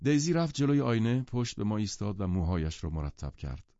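A male audiobook narrator with a low, dark, mellow voice tells the story in a measured way. The recording is dry, with no room sound. It is also muffled and lo-fi. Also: big pitch swings, no room sound. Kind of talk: scripted literary narration.

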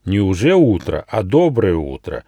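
A man's voice: on the low side, sing-song, normal speed, mellow, no echo. A man voicing a kind but fussy little male gnome who lectures about good manners. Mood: cheerful, lecturing. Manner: orderly, lecturing.

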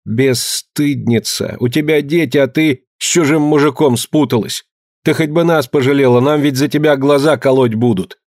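A man's voice: mid-range voice, moderate pace, a little mellow, no echo, studio quality, natural voice. A man reading a story, voicing an elderly village mother who scolds her daughter in breathless outbursts. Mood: scolding. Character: scolding elderly peasant mother, quick-tempered.

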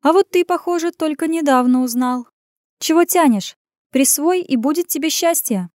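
A woman's voice: high voice, normal speed, a little mellow, no room sound, studio quality, pitched above the performer's own voice, lightly acted. A woman putting on a sly purring temptress. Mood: teasing. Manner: bossy and mocking. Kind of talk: audiobook character voice.

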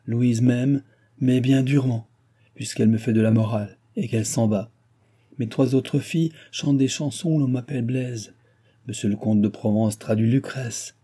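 A man's voice: medium pitch, steady tone, moderate pace, mellow, breathy edge, natural voice. A man reading an audiobook, voicing an aging king who is furious and sorry for himself, grumbling and exclaiming bitterly. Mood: brooding.

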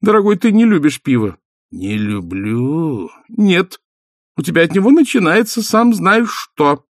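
A male reader voicing Mrs War, a haughty former valkyrie and bossy wife, in a high, prim, firm falsetto. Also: very animated, a little slow, no echo, clean studio sound, full character voice. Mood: scolding. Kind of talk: audiobook character voice.

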